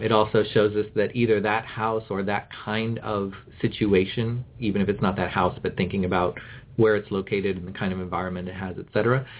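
A man with a fairly low voice hosts a phone-in card reading show. He explains and advises in a measured, conversational way, often restarting his phrases. The audio is muffled and narrow like a call. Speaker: phone-in tarot show host.

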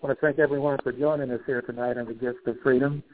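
Man, radio host, measured, low-fi phone sound. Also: flat delivery, phone-quality sound, a little hiss or hum. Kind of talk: radio talk show sign-off.

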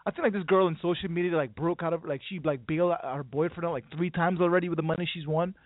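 A man's voice: a little high, fast, no room sound. A man hosting a casual sports talk show, telling a rambling story and acting out the dialogue. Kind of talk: casual radio chat. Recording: phone-like audio with faint music.

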